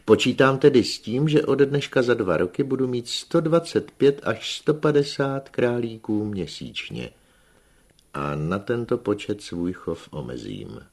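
A husky-voiced man reading an audiobook, voicing a pompous, scheming middle-aged hunchback who lectures with emphatic self-assurance. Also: medium pitch, animated, pitched above the performer's own voice. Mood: lecturing.

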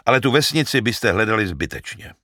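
A man's voice: fairly low pitch, lively intonation, sharp tone, no echo, clean studio sound, pitched above the performer's own voice. A man reading a weary young warrior. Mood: earnest. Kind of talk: audiobook character reading.

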